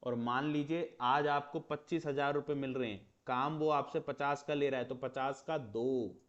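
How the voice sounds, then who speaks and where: A man's voice: mid-range voice, fairly even intonation, moderate pace. Lo-fi man lecturing on astrology. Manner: conversational, explains with rhetorical questions and mock dialogue. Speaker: astrology teacher. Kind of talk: lecture in Hindi with English terms.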